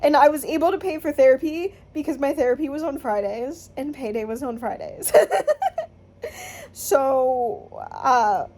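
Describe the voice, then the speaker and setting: A woman in her twenties, a musician talking slowly and thoughtfully in a personal vlog, often pausing and restarting her sentences. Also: sits high, a little mellow. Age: 20s. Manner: slow, thoughtful, hesitant with restarts. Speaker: musician vlogger. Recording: slightly distant mic, faint background noise.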